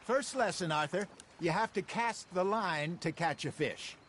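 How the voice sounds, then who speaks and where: An actor playing a genial frontier outlaw in a game who tells fishing tales in a folksy, teasing way. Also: male voice, high-pitched, unhurried, a little hiss or hum. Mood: amused. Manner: folksy, teasing, animated storytelling. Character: genial older frontier outlaw, jokey storyteller. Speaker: gang member on a fishing trip.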